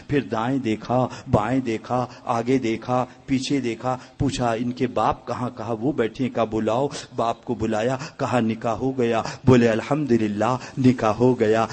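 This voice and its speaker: A man's voice: medium pitch, darkish tone. A middle-aged man from India giving a fiery religious speech, telling stories, acting out dialogue in voices and poking fun. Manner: acts out dialogue in voices, mocking humor. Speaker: religious preacher.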